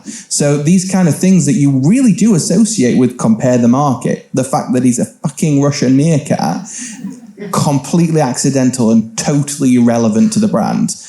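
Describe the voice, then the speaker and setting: Mellow-voiced man explaining in an echoey room. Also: medium pitch. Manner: brisk, explanatory, swears casually. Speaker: panel speaker. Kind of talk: casual panel talk. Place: event venue with live audience.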